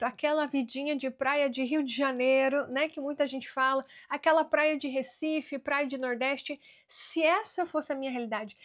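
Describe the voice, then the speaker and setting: High-voiced Brazilian woman vlogger. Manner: earnest, stressing key words, slowing down for emphasis. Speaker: immigration vlogger. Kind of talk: direct-to-camera advice vlog.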